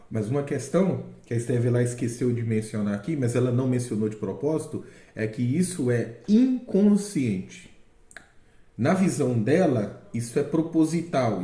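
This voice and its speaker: A man's voice: medium pitch, dark tone. A man hosting a book-reading channel, giving casual spoken commentary and explaining with frequent check-in questions. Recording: echoey room.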